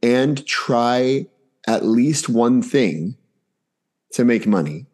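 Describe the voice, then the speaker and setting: A man's voice: medium pitch, expressive, very slow, darkish tone. A man in his forties, a podcast guest, telling a family story casually and animatedly, acting out the dialogue.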